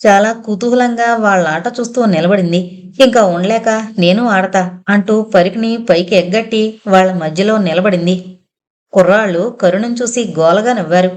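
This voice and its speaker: Woman narrator, steady storytelling, medium pitch, audiobook. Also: a little fast. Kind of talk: scripted narration.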